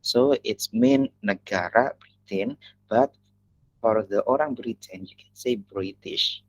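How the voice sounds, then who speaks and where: A man with an Indonesian accent teaching an English lesson in an online class, talking in halting phrases that he often restarts. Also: on the low side, wildly swooping pitch, vocal fry, no echo, rough recording.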